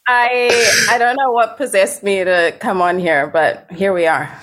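Woman guest, wry and chatty, pokes fun at herself, middle pitch. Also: steady tone, unhurried, fairly bright tone. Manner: wry, self-deprecating, chatty. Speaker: podcast guest. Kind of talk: casual chat.

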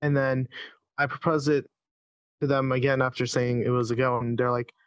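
A young man in his twenties, an event creator telling how it began in quick, earnest casual storytelling. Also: medium pitch, level tone, clean tone, no room sound.

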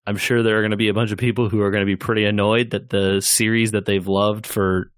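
A man co-hosting a podcast, chatting casually about gaming news in a relaxed, rambling way. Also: fairly low pitch, fast, no room sound, clean studio sound. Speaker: podcast co-host.

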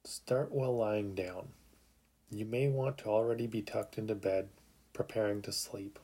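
A man with a fairly low voice narrates a guided sleep meditation, calm, soothing, and unhurried, leaving long pauses.

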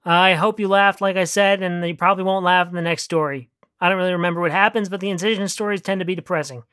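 An author reading a darkly comic short story aloud in a dry, deadpan way, then chatting casually about it. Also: mid-range voice, quick pace, clear, resonant tone, no room sound. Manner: dry deadpan narration, chatty and giggly when talking afterward. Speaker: author and narrator.

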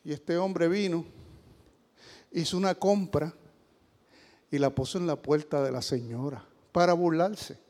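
Passionate male pastor, high voice, big hall reverb, sermon with sudden loud exclamations. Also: unhurried, long pauses. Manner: emphatic, swings from low asides to loud exclamations.

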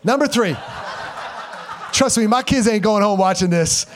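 A middle-aged male pastor preaching a sermon in church, moving from loud, emphatic exhortation to quiet, intimate asides, with informal slang. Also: high voice, normal speed, background noise. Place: church sanctuary. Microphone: live stream church mic.

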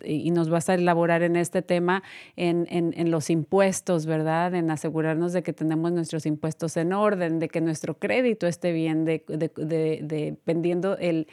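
Host woman, lowish dry voice, rambling questions full of fillers. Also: a little mellow, no room sound. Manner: hesitant, many fillers and tag questions. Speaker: talk show host. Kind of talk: live interview.

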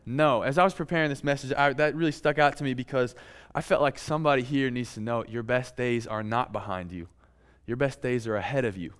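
A man preaching a sermon in a relaxed, conversational way, with playful asides to his congregation. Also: medium pitch, brisk, clear, resonant tone. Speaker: pastor.

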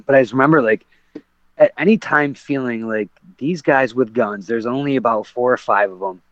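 A man's voice: medium pitch, normal speed, dry recording. Rambling man telling a story, dry lo-fi sound. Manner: rambling, many fillers and restarts. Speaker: guest, professional MMA fighter. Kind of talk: casual podcast storytelling.

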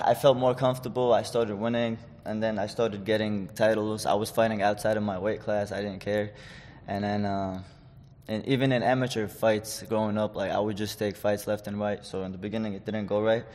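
Young fighter from Chechnya, lower-pitched man, casual interview talk, some hall reverb. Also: darkish tone. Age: 20s. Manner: loose, rambling, many fillers and restarts. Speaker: guest, amateur fighter.

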